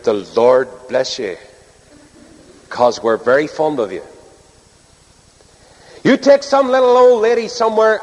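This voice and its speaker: Northern Irish preacher in a reverberant hall. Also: male voice, medium pitch. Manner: earnest, rhetorical repetition and dramatic pauses. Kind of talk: sermon to a congregation. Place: large hall or church, speaking to a live audience. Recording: long reverb of a large hall.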